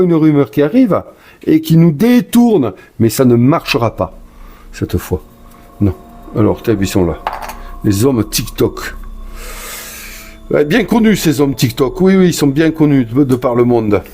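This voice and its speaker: A man's voice: a little high, a little mellow. A man casually commenting on a solo board game he plays, reading cards aloud and talking to viewers with muttered asides. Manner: chatty, talks to viewers, mutters asides and sighs over bad luck. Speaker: solo board game player and channel host.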